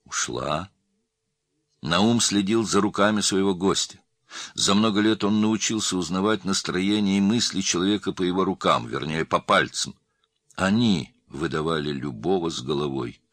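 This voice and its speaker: Male audiobook narrator, steady, very deep voice, tense and husky. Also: moderate pace, no room sound, studio quality. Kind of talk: scripted narration.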